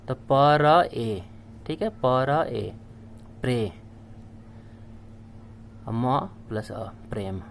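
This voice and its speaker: Slow patient male language teacher. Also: on the high side, slight background noise. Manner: patient, spells out letters one by one, repeats words. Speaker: Sanskrit teacher. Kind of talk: slow classroom explanation.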